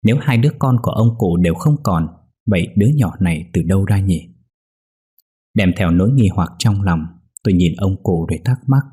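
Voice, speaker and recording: Deep, husky male horror storyteller. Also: lively intonation, normal speed, mellow. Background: faint music.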